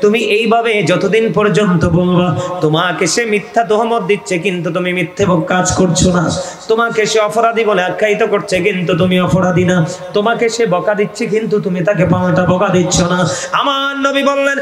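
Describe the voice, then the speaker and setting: A man's voice: sits high, fairly quick, reverberant. A man with a Comilla Bengali accent preaching a waz sermon and calling out to the crowd for responses. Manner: calls out to the audience for responses, chanting pleas. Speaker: Islamic preacher.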